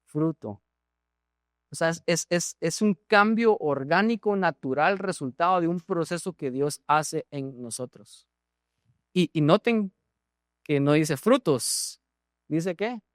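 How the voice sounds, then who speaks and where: A Guatemalan pastor preaches to his congregation, throwing questions at the listeners and doubling back on his words as he goes. His voice sits a little high for a man. The sound is dry and close, with little room echo. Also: lively intonation, slow pace. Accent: Guatemalan Spanish. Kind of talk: sermon. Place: church.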